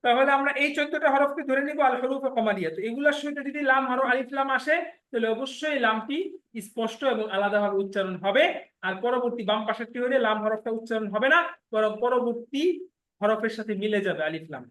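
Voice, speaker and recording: A man with a Bangladeshi Bengali accent leads an Arabic lesson, stretching out letters and example words and pausing to check that everyone follows. His voice sits very high and sounds bright and forceful. The room around him rings with echo. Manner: slow drilling of letters and words, checks students often. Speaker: Arabic teacher. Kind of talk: online class lesson.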